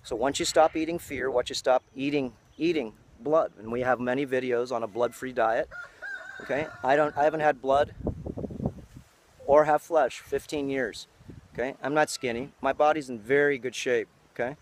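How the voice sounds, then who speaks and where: A man's voice: mid-range voice, steady tone, moderate pace, a little hiss or hum. A man in his fifties giving an outdoor lecture on a farm, often adding "okay?" after his points. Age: 50s.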